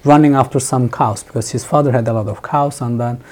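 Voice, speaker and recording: A man from Turkey with a Turkish accent, speaking English as a podcast guest in a relaxed, thoughtful way, often restarting his sentences. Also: mid-range voice, fairly quick. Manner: thoughtful, many restarts and fillers. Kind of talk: casual interview chat.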